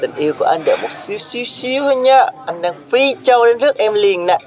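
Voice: mid-range voice, animated, quick pace, a little mellow, faint music behind, close to an everyday voice. A performer putting on a swaggering young boyfriend voice in a comedic audio drama. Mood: cooing.

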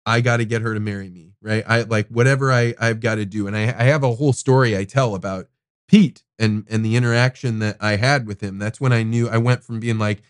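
A man hosting a podcast, telling a personal story in an animated, casual way, swearing now and then. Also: on the low side, fairly quick, clean tone, no echo, studio quality. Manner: animated, swears casually, acts out quoted people. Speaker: podcast host. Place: studio.

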